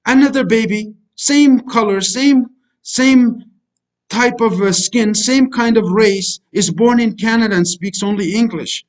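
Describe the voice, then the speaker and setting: A middle-aged life coach whose native language is Kurdish delivers a motivational voice-over lecture over slides. His voice sits noticeably high for a man, and he preaches repetitively and unhurriedly, constantly calling his listeners friends.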